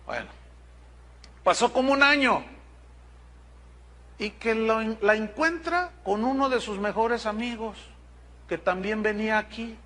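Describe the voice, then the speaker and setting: A man's voice: high voice, a little slow, pauses often, a bit bright. A man with a Mexican accent, a pastor preaching a sermon to his congregation, telling a story bluntly with asides to the listeners. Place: church congregation.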